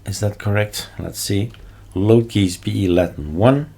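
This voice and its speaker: Low, creaky Belgian-accented man. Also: measured pace, mellow. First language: not English. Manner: short choppy phrases, offhand asides. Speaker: tutorial host. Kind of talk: casual screencast tutorial, thinking aloud. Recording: noticeable background noise, keyboard clicks and typing. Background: keyboard typing and mouse clicks.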